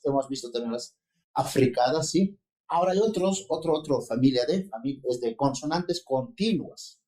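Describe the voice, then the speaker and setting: A university lecturer teaches a phonetics seminar, moving through the material step by step. The speaker keeps pausing to check in with the students. The voice carries the echo of a classroom. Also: medium pitch, mellow. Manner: explains slowly, checks in with the class often. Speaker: linguistics lecturer.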